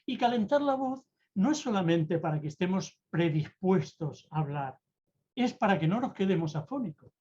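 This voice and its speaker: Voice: medium pitch, expressive, warm tone, a little hiss or hum. A mentor gives a talk on public speaking over a video call. The delivery is theatrical and moves freely between tones and speeds. The audio is slightly dull and lo-fi. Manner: theatrical, deliberately varies tone and pace. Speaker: presentation-skills mentor.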